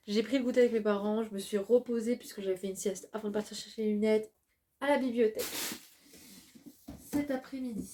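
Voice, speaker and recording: In a home vlog, a woman in her twenties who studies design talks casually to the camera. Her voice is on the high side and warm, and she gushes, using lots of fillers.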